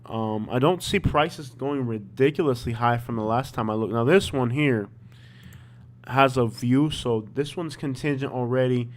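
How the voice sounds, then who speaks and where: A man's voice: mid-range voice, unhurried. A man with a Miami accent hosting a livestream, chatting informally and thinking aloud as he comments. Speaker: livestream host. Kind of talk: casual chat, live commentary on property listings.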